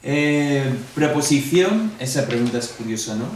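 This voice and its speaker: A man's voice: medium pitch, expressive, unhurried. A man with a Spanish accent leads a classroom review, walking through each answer and asking his students questions along the way. He is recorded from a distance in an echoey room, with a faint hum underneath. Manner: explains step by step, asks the class questions. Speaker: Greek teacher.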